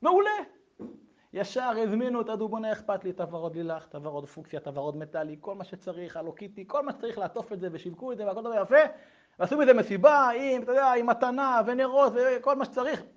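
A man telling a story expressively, acting out voices and swinging between loud and hushed. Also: high voice, dull audio. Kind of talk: animated spoken storytelling.

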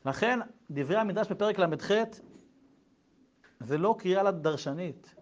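A man preaching a sermon, telling a story in a lively way with colloquial asides. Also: high voice, lo-fi sound.

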